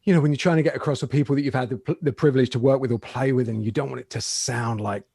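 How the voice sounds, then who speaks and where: A man's voice: mid-range voice, fairly even intonation, racing, vocal fry, darkish tone, husky, dry recording, studio quality. A man in his forties from England, a guitarist being interviewed in a casual podcast chat, talking in a chatty, self-deprecating way with frequent laughs. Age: 40s.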